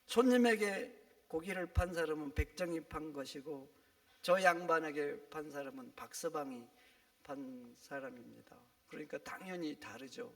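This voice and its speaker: A male pastor voicing a calm, clever butcher who answers a customer plainly in a sermon story. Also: fairly high pitch, normal speed, big-room sound, voice pushed down, close to an everyday voice. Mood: matter-of-fact.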